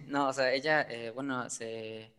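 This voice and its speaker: A man's voice: medium pitch, fairly even intonation, slow, fairly bright tone, clean tone. A man who is a guest on a talk show, speaking about his feelings hesitantly, with many fillers and nervous laughs. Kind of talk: conversational personal talk. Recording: long reverb.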